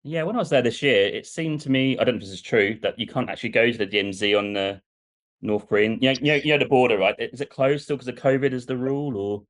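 A podcast host with a mid-range, slightly bright voice chats casually at a quick pace. He asks long, rambling questions in a relaxed interview.

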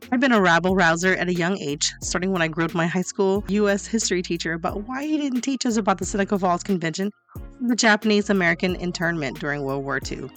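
Confident, sassy woman in her forties. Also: medium pitch. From Louisiana, US. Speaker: podcast contributor, romance author. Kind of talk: prepared self-introduction. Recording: podcast with faint music underneath.

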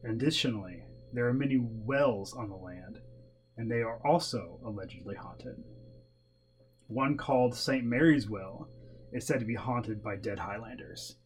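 A man's voice: mid-range voice, a little slow, faint music behind, low-quality recording. A man co-hosting a podcast in casual chat about ghost stories, with a jokey, teasing manner. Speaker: podcast co-host. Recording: clear background noise with hum.

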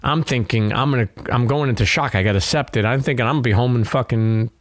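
A middle-aged man with a Brooklyn, New York accent talks fast in a mid-range voice as an interview guest, telling stories candidly. He is streetwise and profane, peppering his speech with "you know." The studio-quality recording has no echo.

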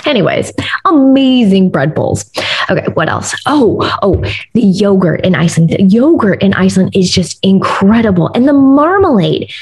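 A woman's voice: mid-range voice, big pitch swings, moderate pace, darkish tone, slightly rough, rough recording. A young woman from the United States chatting candidly to her listeners in casual first-person storytelling. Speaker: vlogger sharing personal stories.

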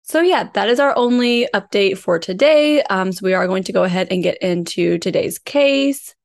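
A woman's voice: medium pitch, animated, normal speed. Woman hosting a conversational true crime podcast. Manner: conversational, informal storytelling from researched notes. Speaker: podcast co-host. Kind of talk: true crime podcast, case narration mixed with casual chat.

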